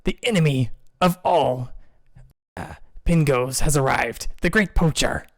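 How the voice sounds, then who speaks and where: A man's voice: mid-range voice, unhurried, no room sound, clean studio sound. A man voicing a formal male penguin guard who announces the king in a tabletop game. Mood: urgent.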